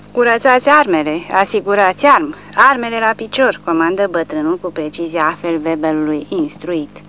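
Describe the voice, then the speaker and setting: Low-voiced woman reading an audiobook. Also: slight background noise, poor audio. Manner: measured, dramatic reading. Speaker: audiobook narrator. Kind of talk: scripted narration.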